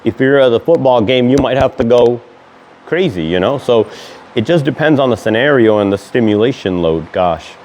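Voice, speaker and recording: A man's voice: medium pitch, expressive, moderate pace, a little mellow, muffled recording, slight background noise. A man with a lisp from missing front teeth, giving casual, informal instruction as a dog trainer. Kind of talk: casual instructional talk to clients.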